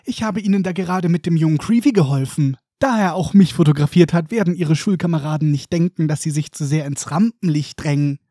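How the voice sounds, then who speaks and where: A man's voice: on the high side, brisk, hardly any pauses, dark tone, no echo, studio quality, natural voice. A man voicing a vain, theatrical celebrity teacher with a pompous, fatherly manner.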